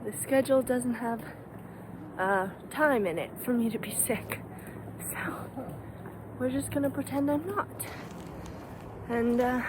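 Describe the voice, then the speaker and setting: A woman hiker vlogging on the trail while sick, with a hoarse voice and a wry, self-deprecating way of talking, a bit out of breath from climbing. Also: fairly high pitch, noisy background. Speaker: thru-hiker vlogging her hike. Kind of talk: casual vlog to camera. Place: outdoors on a hiking trail.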